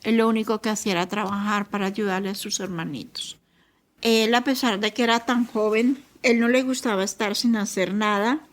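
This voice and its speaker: A Colombian woman giving a personal testimony as the mother of a victim, grieving and repeating herself slowly. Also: medium pitch, fairly even intonation. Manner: grieving, slow and repetitive.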